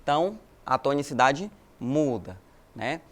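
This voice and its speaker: A man's voice: medium pitch, expressive, a little slow, a bit bright. A Brazilian man teaching a recorded language lesson, explaining patiently and checking in with his students with friendly little tag questions. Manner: explanatory, addresses students as galerinha, frequent né tags. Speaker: Spanish teacher.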